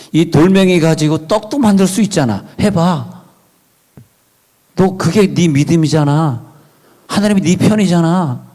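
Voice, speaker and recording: Man doing a taunting male devil, coaxing and insistent, raised voice, mellow tone. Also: on the high side, pitched above the performer's own voice, lightly acted. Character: taunting male devil, tempter, falsely flattering.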